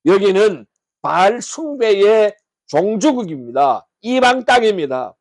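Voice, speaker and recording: A man's voice: high-pitched, sing-song, measured pace, no room sound. A man preaching a sermon as pastor, putting rhetorical questions to the congregation.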